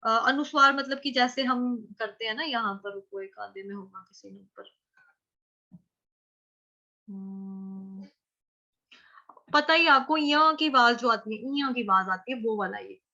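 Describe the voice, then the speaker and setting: A high, bright female voice teaches verse pronunciation at an unhurried pace, breaking words into syllables and repeating each one patiently. Now and then she chants a whole line slowly. The audio is dull and lo-fi, like an online class recording. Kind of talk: slow step-by-step pronunciation lesson.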